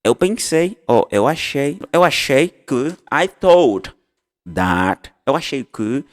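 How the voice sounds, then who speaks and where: Male English teacher, lively pitch, casual and repetitive, recorded with long reverb. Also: slow pace. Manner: explains in Portuguese, models English phrases, repeats and self-corrects. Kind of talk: casual online lesson.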